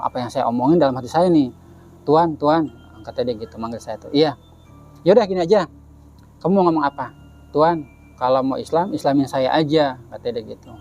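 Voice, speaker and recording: A man's voice: mid-range voice, expressive, dark tone. A man telling a personal supernatural story in casual chat, acting out the quoted voices and drawing out prayer phrases. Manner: acts out quoted voices, many "kata saya gitu" tags; chants prayer phrases slowly. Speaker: guest storyteller.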